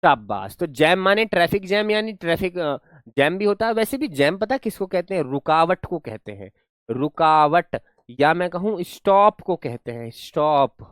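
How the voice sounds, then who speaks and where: A man's voice: fairly high pitch, big pitch swings, moderate pace, a bit bright, smooth, dry recording, clean studio sound. A man teaching an online class, explaining words playfully, repeating his questions and praising his students.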